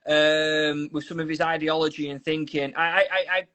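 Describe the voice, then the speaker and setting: Speaking loosely over a video call from Ukraine, this volunteer guest from South Manchester has a Manchester accent and a voice a little high for a man. His pitch barely moves, his pace is normal, and his tone is bright and forceful. In this casual interview chat he rambles, often restarting and slipping into asides.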